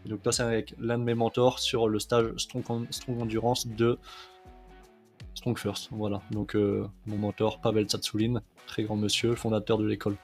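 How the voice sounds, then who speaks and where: A man's voice: fairly low pitch, monotone, normal speed, soft background music. A man coaching on kettlebell training in a casual video lesson, chatty, with many fillers, often checking in with "ok?".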